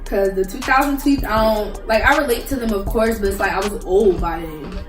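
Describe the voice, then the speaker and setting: A woman's voice: mid-range voice, brisk. A young woman guest on a vlog, chatting in a slangy, talkative way. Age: young adult. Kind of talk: casual chat. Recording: echoey room, mic at a distance, faint music.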